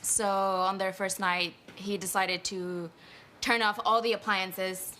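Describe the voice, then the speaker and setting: A woman's voice: medium pitch, level tone, takes it slowly, background noise. A woman, giving shy, brief answers from a studio audience. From Peru. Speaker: audience member, private chef.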